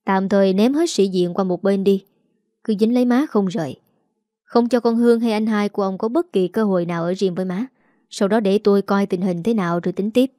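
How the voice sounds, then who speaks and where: A woman voicing a shrill, scheming young wife who nags her husband, in a Southern Vietnamese accent. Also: fairly quick, dark tone, no room sound, studio quality, lightly acted. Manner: shrill, nagging.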